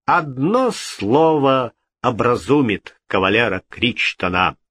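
A man's voice: mid-range voice, sing-song, takes it slowly, a bit bright, slightly rough, dry recording, heavily acted. A male reader voicing a haughty king who speaks with icy, regal politeness. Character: haughty, cold-blooded king.

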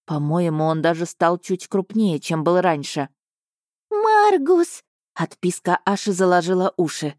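A woman narrating a fantasy audiobook in the first person, lively and expressive. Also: on the low side, moderate pace, hardly any pauses, no echo, studio quality. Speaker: audiobook reader.

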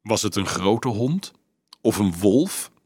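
Male reader playing a teasing young student who whispers low and knowing; dry sound. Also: unhurried, no room sound. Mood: sly whisper.

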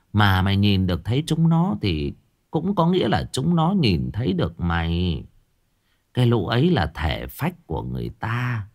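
A man voicing a fierce old village grandmother who scolds sharply. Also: fairly low pitch. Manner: scolding, gruff.

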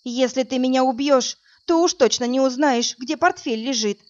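A woman's voice: high-pitched, moderate pace, muffled recording, pitched above the performer's own voice, lightly acted. A woman voicing a frightened but defiant young captive woman in a read-aloud crime story. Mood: tense. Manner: pleading then sharp, tense.

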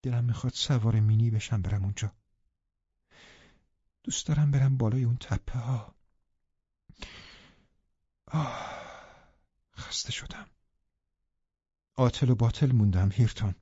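A man voicing a bored, lonely and restless young woman, speaking softly and wistfully in an audiobook reading. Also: medium pitch, expressive, pauses often, no echo, highs cut off, lightly acted.

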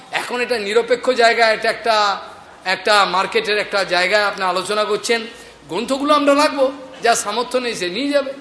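Male preacher, Bengali accent, high sharp voice, earnest and anecdotal, long hall reverb. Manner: earnest, anecdotal, addressing the audience directly. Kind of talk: devotional scripture talk. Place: lecture hall in a market space. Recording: echoey hall recording with faint noise.

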